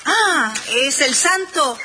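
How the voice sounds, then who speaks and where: A woman's voice: sits high, lively intonation, slow, background noise. A woman playing a naive, grumbling young woman of the household, whiny and reluctant, with a Rioplatense Argentine accent.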